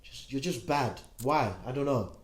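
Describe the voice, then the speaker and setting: A man's voice: mid-range voice, normal speed, crowd noise. A man, a comedian guest, chatting casually on a podcast in a laid-back way with London slang.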